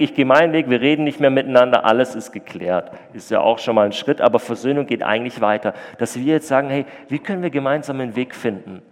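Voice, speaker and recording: A male pastor preaches in a warm, conversational tone, stressing key points loudly then dropping low. His mid-range voice sits in a long church-hall reverb. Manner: earnest, conversational, swings loud and soft. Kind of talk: sermon with storytelling.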